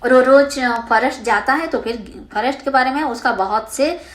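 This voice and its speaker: Woman, science teacher, somewhat high voice; slow English read-aloud, relaxed Hindi explaining full of fillers, asks and answers her own questions. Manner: reads textbook lines slowly in English, then explains in Hindi with fillers; asks the students questions and answers them herself.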